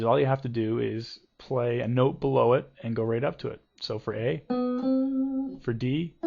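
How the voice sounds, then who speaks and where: Man, guitar teacher, casual lesson, gravelly tone, loose delivery, lo-fi sound. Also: mid-range voice. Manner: relaxed, loose, with many ums and restarts. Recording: dull lo-fi home video audio with guitar.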